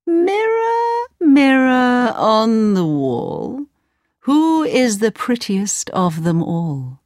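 A woman voicing a vain, cruel queen in a storybook reading, with slow, drawn-out theatrical lines. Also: fairly high pitch, sing-song, a little mellow, no echo, studio quality, voice pushed up, exaggerated voice. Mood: grand. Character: vain wicked adult queen, haughty and cruel.

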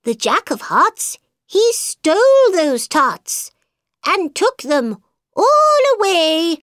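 A woman voicing an excited male rabbit herald calling out in a high, proclaiming voice. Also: drawn-out words, no room sound, studio quality, heavily acted. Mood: sing-song.

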